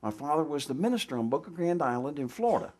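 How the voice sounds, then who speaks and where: A man's voice: fairly high pitch, big pitch swings, fast, darkish tone. A male pastor giving a folksy, conversational sermon in a church, full of restarts and asides. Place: church sanctuary.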